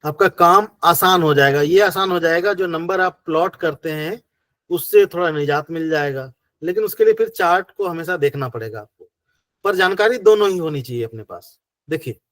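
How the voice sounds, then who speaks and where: Male teacher, Hindi accent, high-ish voice, patient step-by-step explainer, dry close sound. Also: a bit bright, no echo. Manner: patient, step-by-step, repeating rhetorical questions. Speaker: acupressure teacher. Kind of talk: online class explanation.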